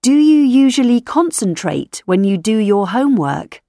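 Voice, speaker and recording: A woman reading scripted questions for a language lesson recording, enunciating each one clearly. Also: fairly high pitch, very animated, normal speed, mellow, no echo, studio quality. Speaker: language textbook audio narrator.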